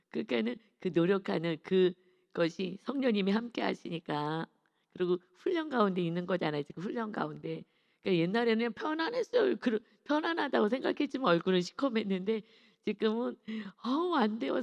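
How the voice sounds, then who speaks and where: A woman's voice: mid-range voice, gravelly, darkish tone, long reverb tail. A woman pastor giving an early-morning sermon in a conversational preaching style, often acting out what people say. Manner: conversational preaching with acted quotes.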